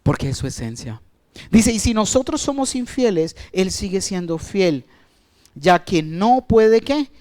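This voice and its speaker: A male pastor preaching a sermon, asking the congregation questions, stretching out key words and letting his phrases fall away quietly. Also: big pitch swings, measured pace. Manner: asks the congregation questions and answers them; wide swings of pitch and loudness, trailing off at phrase ends.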